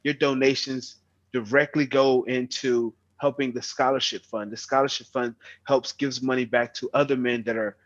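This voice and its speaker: A man's voice: mid-range voice, fairly even intonation, moderate pace, lo-fi sound. A young man hosting an online meeting, speaking earnestly, often repeating words as he starts a phrase. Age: young adult. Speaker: meeting host.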